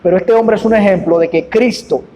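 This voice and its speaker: A man's voice: high voice, fairly quick, mellow, dull audio, slight background noise. A man hosting a church program, affirming the speaker with exclamations. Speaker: host. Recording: echoey hall.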